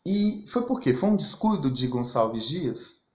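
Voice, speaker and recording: A male teacher walks students through a poem's rhythm and rhyme. He keeps posing questions and answering them emphatically, his voice bouncing through a wide, animated range. The sound is roomy and echoey. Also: medium pitch, unhurried. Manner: explanatory, rhetorical questions, emphatic. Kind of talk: recorded literature lesson over slides. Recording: echoey room.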